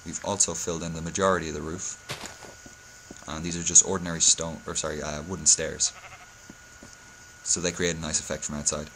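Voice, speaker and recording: A man's voice: extremely low pitch, level tone, a little fast, long pauses, background noise. A hungover man giving a casual game-building tutorial, speaking hesitantly and often correcting himself. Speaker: video tutorial host.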